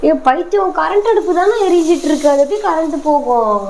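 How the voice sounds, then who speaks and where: A woman's voice: sits high, animated, brisk, a little mellow, a little hiss or hum. A woman in a casual couple vlog, frightened and pleading, scolding her partner in a home kitchen at night. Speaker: vlogger, partner being pranked.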